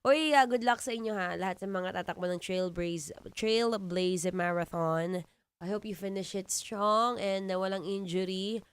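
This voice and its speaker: Young filipino lady dj, deep voice, playful and teasing, dry studio sound. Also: measured pace, smooth, dry recording. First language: Tagalog. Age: 20s. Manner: playful, teasing, laughs often. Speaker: radio DJ. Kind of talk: live radio chat reading comments. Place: radio studio.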